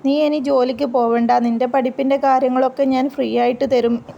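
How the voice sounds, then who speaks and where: A gentle young man in love, a soft-spoken professor, reassures in a calm, tender way, as read by a woman storyteller. The voice stays high and light throughout, with no attempt to deepen it. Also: moderate pace, gravelly, muffled recording.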